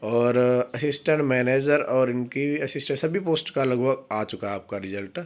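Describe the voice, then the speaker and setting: A man hosting an exam news channel, reading official notices aloud slowly and explaining them in a casual way to viewers he calls friends. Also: medium pitch. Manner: reads English notice text slowly, then explains it in Hindi; addresses viewers as friends, asks for comments.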